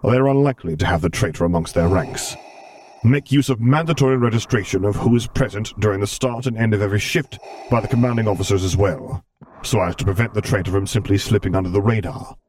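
A man voicing an imposing masked male dark lord who speaks in a slow, deliberate, rumbling way. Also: a little hiss or hum, lightly acted. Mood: commanding.

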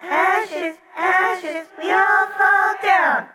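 A man voicing a chorus of ghostly children, chanting a nursery rhyme in a high, slow sing-song. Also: pushed and bright, full character voice, rough recording. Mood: eerie sing-song.

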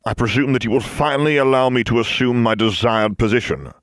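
A man voicing a mild, hesitant elderly headmaster in a storybook reading, musing and unhurried. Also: medium pitch, fairly bright tone, no echo, studio quality, pitched above the performer's own voice, lightly acted.

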